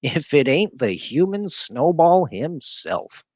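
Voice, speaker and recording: A man voicing a tough schoolboy guarding his twin sister, speaking slowly and coldly in a storybook reading. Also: a little high, sing-song, no room sound, pitched above the performer's own voice, heavily acted. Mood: threatening. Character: tough protective twin-brother schoolboy, cold.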